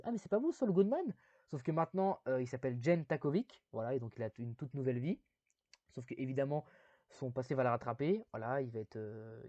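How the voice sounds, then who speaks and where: A man's voice: mid-range voice, warm tone, no echo. Rambling man with a dull lo-fi sound. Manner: rambling, many fillers, self-deprecating asides. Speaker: video reviewer. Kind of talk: casual spoken video review.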